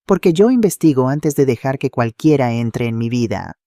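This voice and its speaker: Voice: lively intonation, normal speed, mellow, no room sound, clean studio sound, close to an everyday voice. A narrator voicing a cold, controlled protective husband. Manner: low, controlled, menacing. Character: calm, wealthy blind older husband, coldly protective.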